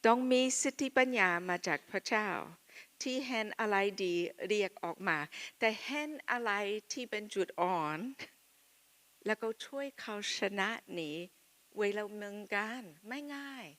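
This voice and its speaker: A woman who is not a native speaker gives a missionary testimony in simple, halting phrases. She speaks slowly and unhurriedly. Her tone is bright and clear. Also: mid-range voice. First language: not Thai. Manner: simple, halting learner's Thai in short phrases. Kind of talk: personal testimony through an interpreter.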